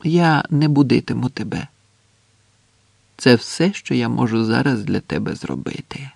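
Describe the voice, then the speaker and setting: A man's voice: medium pitch, lively intonation, measured pace, creaky, no room sound, full character voice. Give me a tender young man murmuring to his sleeping beloved, as a male narrator reads him. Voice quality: hushed, barely audible.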